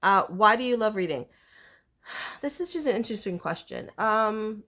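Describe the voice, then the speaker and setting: A woman's voice: mid-range voice, lively intonation, a little slow, bright, forceful tone. A woman from Puerto Rico chatting casually to camera as a book vlogger, rambling with lots of fillers and restarts. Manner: rambling, self-interrupting, many fillers. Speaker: booktuber.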